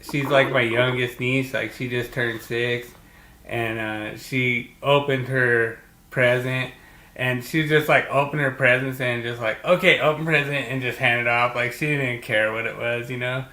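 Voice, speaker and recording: Podcast co-host, man, bright and forceful voice, enthusiastic and filler-heavy, recorded in an echoey room. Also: mid-range voice, level tone, unhurried. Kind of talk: casual chat.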